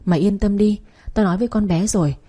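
A woman voicing a stern but caring grown man, an uncle who scolds his niece in a lowered voice. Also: fast, dark tone, lightly acted. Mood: chiding. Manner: gruff, scolding yet caring.

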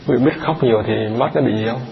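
A man's voice: medium pitch, racing, vocal fry. A man, a Buddhist monk giving a chatty dharma talk and quizzing his live audience. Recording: echoey hall, dull lo-fi sound.

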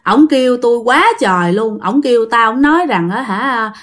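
A woman's voice: a little high, lively intonation, moderate pace, a bit bright. A woman voicing a frightened older widow who exclaims in fear, with a Southern Vietnamese accent. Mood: scared.

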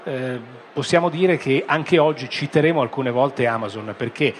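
A man hosting a live radio talk show, pausing mid-sentence as he presents. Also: mid-range voice, slight background noise. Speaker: radio host. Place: live broadcast stand at a busy book fair.

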